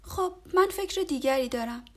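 A woman's voice: sits high, animated, voice pushed up. A woman doing a firm, tired turtle father. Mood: gentle. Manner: firm, insistent.

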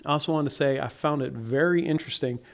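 This Alabama podcaster, with his Southern accent, goes on alone in a warm, wandering way, his creaky voice sitting on the high side and moving quickly. He's tired, and the week has worn his voice down.

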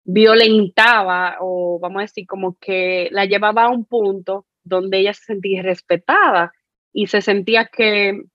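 A woman's voice: medium pitch, steady tone, normal speed, fairly bright tone, dry recording. Female co-host, reflective and rambling, dry close lo-fi sound. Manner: thoughtful, many fillers and restarts. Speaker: podcast co-host. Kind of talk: reflective conversational sharing.

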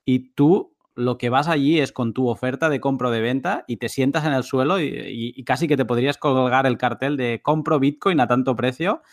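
A man's voice: mid-range voice, brisk, hardly any pauses, no echo, studio quality. A man hosting a casual talk, summing up points for listeners in a conversational way. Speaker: host.

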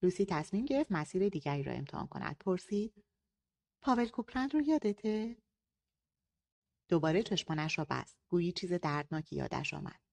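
A woman's voice: lively intonation, vocal fry. A woman narrating a novel and reading the characters' dialogue in slightly shifted voices. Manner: lightly voices characters, higher and louder for dialogue. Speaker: audiobook narrator.

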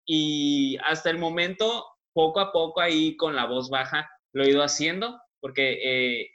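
Bright chatty guest. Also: male voice, fairly high pitch, normal speed, lo-fi sound. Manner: chatty, expressive storyteller. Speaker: guest, stylist and comedian. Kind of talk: casual interview chat.

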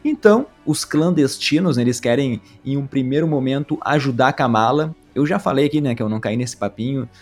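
A man's voice: mid-range voice, fairly quick, few pauses. Guy on a podcast, mid voice, really opinionated, faint music behind. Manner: opinionated and emphatic. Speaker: podcast co-host. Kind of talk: casual pop-culture podcast chat.

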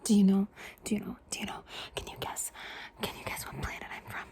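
A woman's voice: medium pitch, fairly quick, natural voice. A woman voicing a playful, curious alien visitor in an ASMR roleplay, whispering and repeating trigger words over and over. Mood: whispery playful.

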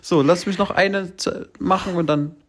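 A woman in casual chat with a friend, teasing and laughing often, sometimes sinking to a quiet murmur. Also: on the low side, fairly even intonation, normal speed, husky. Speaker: co-host.

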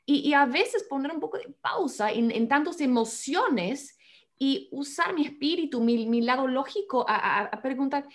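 A woman chatting earnestly with a partner, haltingly with many restarts. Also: sits high, expressive. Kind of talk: casual chat about marriage.

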